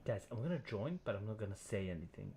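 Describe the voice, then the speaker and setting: A man's voice: on the low side, big pitch swings, quick pace, vocal fry, noisy background. A man streaming live, chatting casually with viewers and a dealer, laughing often and swearing as he teases.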